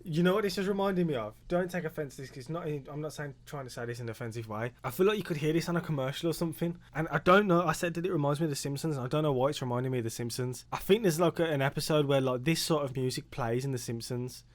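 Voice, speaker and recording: A young British man hosting a casual music reaction video, excitable and slangy, with sudden loud exclamations. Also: on the high side, very fast, hardly any pauses. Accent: British English.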